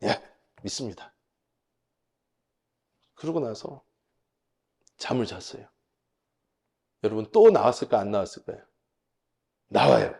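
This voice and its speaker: A male pastor preaching a sermon, emphatic, swinging between loud and soft delivery. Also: on the low side, wildly swooping pitch, moderate pace, gravelly, pauses often.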